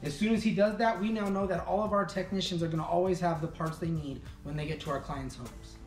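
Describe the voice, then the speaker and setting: A man in his thirties giving a relaxed walking tour of his company's warehouse and offices, with frequent fillers. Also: high-pitched, fast talker, recorded from a distance. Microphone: camera following him, mic at a distance. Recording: echoey rooms, voice a bit off-mic, soft music underneath.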